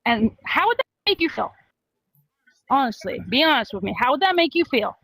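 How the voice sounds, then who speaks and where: A woman with a fairly high voice, talking in a dry, close recording. She presses hard in a casual voice chat, rambling through long hypotheticals and confronting the other person. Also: big pitch swings, normal speed, a bit bright, dry recording, low-quality recording.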